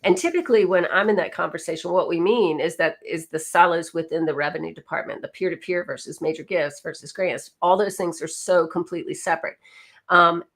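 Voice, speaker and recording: A woman's voice: lowish voice, a little fast, fairly bright tone. A middle-aged woman with a light Southern US accent hosting a webinar while she has a cold, chatty and full of ums. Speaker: webinar host.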